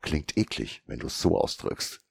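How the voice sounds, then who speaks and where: A man's voice: a little slow, natural voice. A man voicing a cheeky, carefree young female mercenary who jokes flippantly, in an audiobook. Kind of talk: audiobook character reading.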